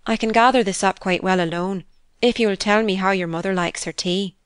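A woman reading an audiobook, voicing a modest young governess who speaks politely and quickly. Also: mid-range voice, clean tone, no echo, clean studio sound, natural voice. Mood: demure.

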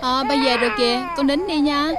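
An actress playing a young mother and wife who talks softly and tenderly. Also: high-pitched, fairly even intonation, a little fast, heavy background noise, lightly acted. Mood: soothing. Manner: soft, tender, cooing. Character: anxious young mother soothing her baby. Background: film score music.

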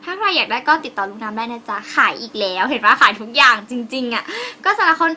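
A young woman selling phone cases in a casual, giggly vlog, talking fast and playfully into a phone camera. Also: on the high side, animated, pushed and bright, a little hiss or hum. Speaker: online seller vlogger.

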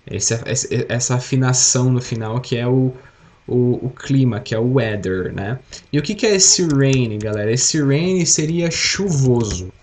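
The voice is medium-pitched with a darkish tone and lively intonation, unhurried in pace. It belongs to a young Brazilian man with a Brazilian Portuguese accent who teaches English on a live stream, patiently explaining and having the class repeat the words he drills.

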